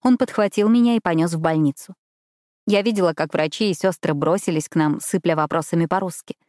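A woman reading a novel aloud in the first person, with steady, measured storytelling. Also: on the low side, no echo, studio quality. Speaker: audiobook narrator. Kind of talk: first-person scripted narration.

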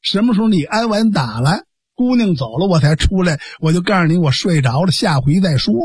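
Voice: mid-range voice, lively intonation, a little fast, breathy edge, no room sound, clean studio sound. A storyteller voicing a cowardly young man muttering to himself while he hides. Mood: sly.

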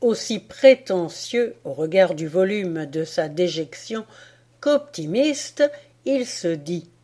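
A woman narrating a folk tale for an audiobook, lively and expressive in her telling. Her voice sits fairly low, and she takes her time. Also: takes it slowly. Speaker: audiobook reader. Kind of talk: storytelling narration.

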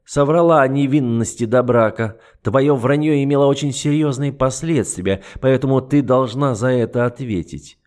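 A man's voice: mid-range voice, darkish tone, lightly acted. A man voicing a cold, cruel, scheming duke in an audiobook, condescending and mocking. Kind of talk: audiobook character voice.

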